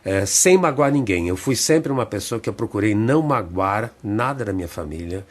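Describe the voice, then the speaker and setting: An older man tells stories slowly in a radio studio, often checking in with small tag questions. His voice sits low and sounds husky. He talks like a seasoned theatre man looking back. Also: expressive. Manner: unhurried reminiscing, frequent tag questions. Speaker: theatre director, interview guest. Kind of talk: reflective storytelling in a radio interview.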